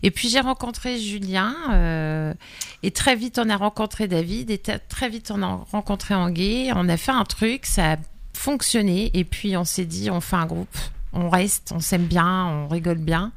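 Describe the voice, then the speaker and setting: A woman singer chatting as a guest on a radio show, relaxed and full of hesitations. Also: mid-range voice, normal speed, vocal fry. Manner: relaxed, many fillers. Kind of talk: casual interview.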